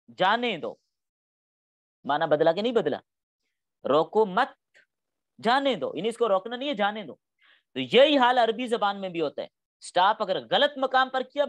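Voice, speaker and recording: A man's voice: sits high, fairly bright tone. A middle-aged man teaching a class on Quran studies, explaining patiently step by step and acting out spoken examples. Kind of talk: classroom lecture.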